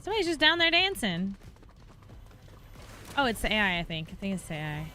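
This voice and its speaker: A woman's voice: medium pitch, very animated, brisk, sharp tone, faint music behind. A woman livestreaming while gaming, chatting casually and thanking viewers in a bubbly way. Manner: bubbly, reads out chat and thanks subscribers.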